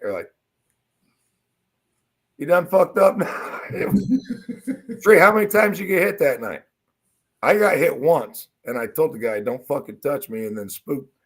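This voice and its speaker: A man co-hosting a live stream, telling rowdy stories in a profane, excitable way. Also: mid-range voice, slightly rough. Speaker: co-host. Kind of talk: casual live-stream chat.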